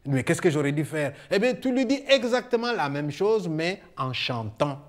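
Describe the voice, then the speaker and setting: A man voicing a wise old village man who gives calm, patient advice. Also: on the high side, moderate pace. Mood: advising.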